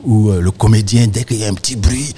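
A man with an Ivorian accent, a storyteller and actor, talking in a radio interview in a lively, animated way. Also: on the low side, fast, a little hiss or hum. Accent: Ivorian French. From Côte d'Ivoire. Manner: lively storyteller, animated when describing his craft.

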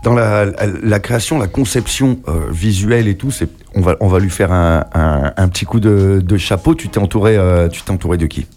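A man hosting a casual interview, relaxed and supportive, backing his guest with short affirmations. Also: deep voice, a little fast, few pauses. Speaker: interview host.

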